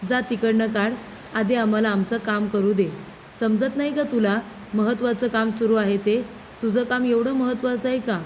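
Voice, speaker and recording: A woman's voice: fairly high pitch, fairly even intonation, normal speed, a little mellow, slight background noise, natural voice, low-quality recording. A woman reading out the lines of an impatient, scolding middle-aged family man. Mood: irritated. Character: bossy middle-aged male household head.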